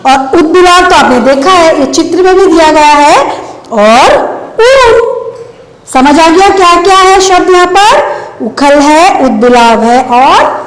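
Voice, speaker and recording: A woman's voice: very high-pitched, expressive. A woman teaching letters to young children, speaking, who drags out each word and keeps asking the class to repeat. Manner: drawn-out repetition of letters and words, coaxing questions. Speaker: kindergarten Hindi teacher. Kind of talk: slow, sing-song lesson for small children. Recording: echoey room with long reverb.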